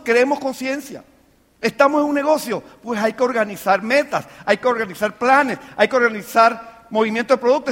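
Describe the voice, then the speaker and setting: An extremely high-pitched, slightly bright male voice delivers an emphatic motivational talk to a business audience. The speaker, a mentor addressing a team, rattles off rhetorical questions as the sound rings through a live hall's long reverb.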